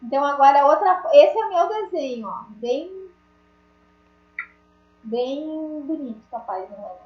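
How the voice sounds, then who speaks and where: A woman's voice: sits high, animated, unhurried, reverberant, highs cut off. A woman teacher giving an online class, chatty and joking, talking straight to her students. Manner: chatty, jokey, addresses students directly.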